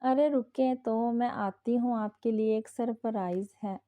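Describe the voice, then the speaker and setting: A woman's voice: fairly high pitch, a little slow, no room sound, narrow, tinny audio, natural voice. A woman voicing a playful, childish and mischievous young wife with a whiny manner.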